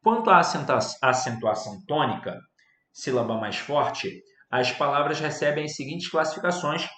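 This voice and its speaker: A man with a Brazilian Portuguese accent teaches grammar to students online. He talks with energy and pushes words out loudly to show the strong syllable. The sound has a roomy echo. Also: on the high side.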